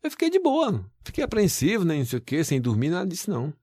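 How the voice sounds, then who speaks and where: A man's voice: on the high side, huge pitch swings, fast talker, warm tone, slightly rough, dry recording. A man, working as a TV news presenter, telling his story animatedly with folksy exclamations in an interview.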